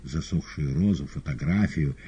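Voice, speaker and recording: Deep husky male audiobook narrator. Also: moderate pace. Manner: expressive, theatrical. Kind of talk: dramatic audiobook reading. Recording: dull lo-fi audio.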